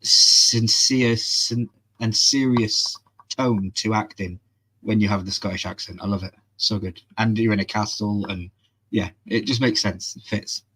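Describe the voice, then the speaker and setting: A man's voice: lowish voice, fairly even intonation, unhurried, sharp tone, husky. A man co-hosting a live TV review, explaining with eager emphasis in casual chat.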